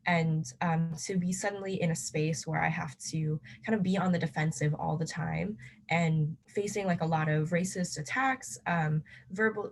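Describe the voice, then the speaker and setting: A woman's voice: low-pitched, creaky. A young woman, a first-year college student, answering interview questions casually with many "like" and "um" fillers. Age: young adult. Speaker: student activist guest.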